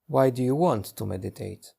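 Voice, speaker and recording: With a mid-range voice, vocal fry, and a breathy edge, a man guides a meditation as its teacher. He speaks gently and without hurry, leaving long pauses between instructions.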